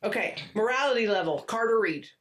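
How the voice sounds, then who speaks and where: A woman's voice: mid-range voice, expressive, fairly quick, recorded from a distance. Giggly woman co-host, slightly off-mic. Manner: giggly and chatty, laughs often. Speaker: podcast co-host. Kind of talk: casual chat about romance books. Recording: voice a bit off-mic.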